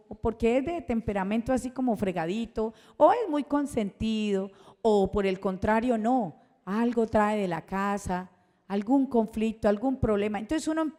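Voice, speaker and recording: A woman preaching a sermon who asks the congregation questions and answers them herself. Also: fairly high pitch. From Colombia. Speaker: schoolteacher. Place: church hall. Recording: long church hall reverb.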